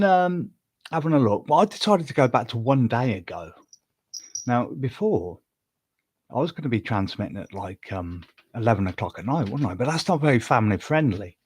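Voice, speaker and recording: A man's voice: medium pitch, no echo. A man from England, hosting a casual solo livestream from home and rambling with fillers and restarts. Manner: rambling, self-talking, with many fillers and restarts; coos softly at his cat. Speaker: livestream host. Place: home room.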